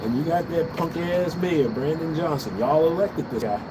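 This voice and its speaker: A man's voice: a little high, animated, normal speed. An American man ranting casually to a livestream, blunt and profane, repeating phrases for emphasis. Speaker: livestream host. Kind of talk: casual livestream political rant. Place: outdoors on an urban balcony. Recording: loud outdoor city traffic noise. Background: street ambience and vehicles.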